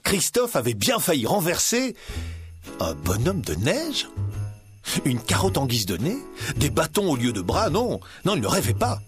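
A man narrating a children's storybook with lively, animated delivery, his pitch rising and falling freely. A soft music bed runs underneath. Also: measured pace.

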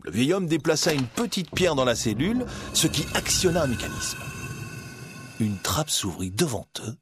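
A man reading a storybook aloud in an animated, expressive narration. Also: on the high side, moderate pace, music in the background.

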